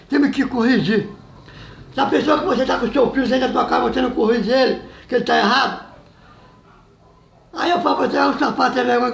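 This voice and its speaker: Loud, high, gravelly preacher man. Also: echoey room. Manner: loud and emphatic, says he always talks loud; laughs between phrases, says "meu irmão" often. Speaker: evangelical preacher. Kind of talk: informal sermon.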